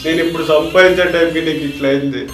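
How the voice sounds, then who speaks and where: A man with a Telangana accent playing a loving young son and husband who speaks in a soft, pleading, tender way. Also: a little high, steady tone, rapid-fire, close to an everyday voice. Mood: tender, grieving. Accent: Telangana Telugu. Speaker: actor. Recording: echoey room, mic far off, music.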